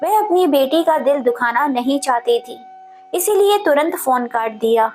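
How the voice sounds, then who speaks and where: Woman reading a family story out loud, pretty high voice, soft music behind. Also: expressive, normal speed. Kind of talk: scripted narration.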